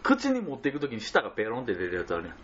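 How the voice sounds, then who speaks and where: A man with a Kansai accent, co-hosting a casual chat radio show, animated and joking, full of sound effects. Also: medium pitch, rapid-fire, dull audio, slight background noise. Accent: Kansai Japanese. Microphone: home recording mic.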